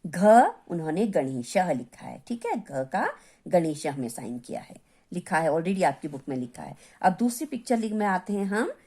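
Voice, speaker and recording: A woman's voice: on the low side, sing-song, normal speed, darkish tone, breathy edge. A woman teacher giving a revision lesson to young students, patiently repeating each word and explaining what it means.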